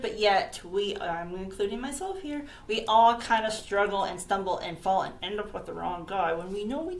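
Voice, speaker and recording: Woman host gushing over her guest, echoey room sound. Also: medium pitch. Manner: gushing, enthusiastic. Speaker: podcast host. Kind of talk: casual interview talk.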